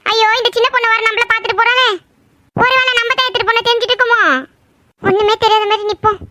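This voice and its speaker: Cartoon sneak, a sly young woman, shrill and whiny, played by a woman. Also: flat delivery, quick pace, pushed and bright. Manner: sly, whiny when caught.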